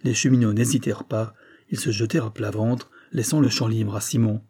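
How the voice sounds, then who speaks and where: Husky dark-voiced male narrator. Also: lowish voice. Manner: steady, measured storytelling. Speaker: audiobook narrator. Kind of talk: scripted narration.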